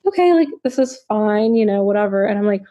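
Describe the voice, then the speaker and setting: A woman's voice: mid-range voice, expressive, dark tone, lo-fi sound. A woman in her twenties, a podcast guest in casual chat, reflective and full of fillers. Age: 20s. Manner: reflective, filler-heavy, quick agreeing interjections.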